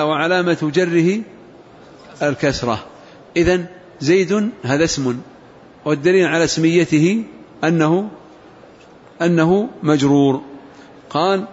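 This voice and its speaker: A man teaching a grammar lesson to a class, asking questions and repeating key words slowly for emphasis. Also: on the high side. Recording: muffled recording with faint hiss.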